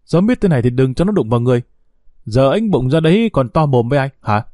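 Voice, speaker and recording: A man's voice: mid-range voice, very animated, fast talker, no room sound, studio quality, lightly acted. A man voicing an angry older brother berating his sister. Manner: harsh, shouting down.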